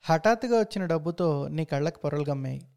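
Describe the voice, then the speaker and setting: A man's voice: a little high, animated, fairly quick, vocal fry, a little mellow, clean tone. A man voicing a ragged male beggar who shadows and mocks the hero in a storybook reading, speaking in an accusing, mocking way. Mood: angry.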